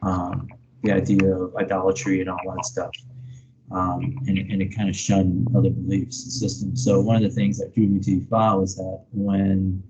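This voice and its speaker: A spiritual practitioner being interviewed by video call talks reflectively, hunting for his words and regularly checking in with "right?". Born in Vietnam, he has lived in America since age five. His voice sits low, flat in delivery at a moderate pace, and the lo-fi call audio is dull and carries background noise.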